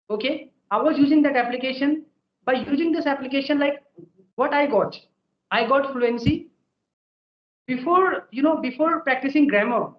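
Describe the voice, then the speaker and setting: Here a guest English learner, a young man whose native language is Hindi, speaks in a very high voice with an Indian accent, explaining step by step in a conversational way. He keeps tagging his sentences with "okay" and "right," and the sound is roomy and lo-fi.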